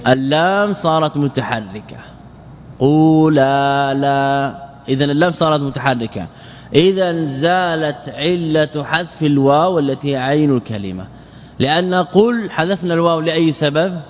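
A man's voice: on the high side, expressive, normal speed, long reverb tail, slight background noise. A man teaching a classical Arabic grammar lesson as an Islamic scholar, explaining step by step and repeating words and verse lines.

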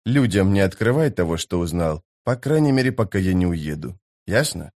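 A hard, cold assassin, played by a male reader with a low, hushed voice. He speaks in short, clipped phrases with quiet menace in this storybook reading. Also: big pitch swings, normal speed.

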